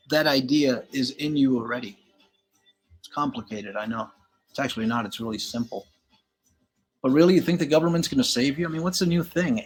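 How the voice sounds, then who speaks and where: An older man from Galicia in Spain talks through his photos in a loose, rambling way. His voice is husky and sits at a middling pitch. He drifts into opinions and keeps the tone laid-back, often calling the listener "man". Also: fairly bright tone. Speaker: channel host. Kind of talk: casual slideshow commentary.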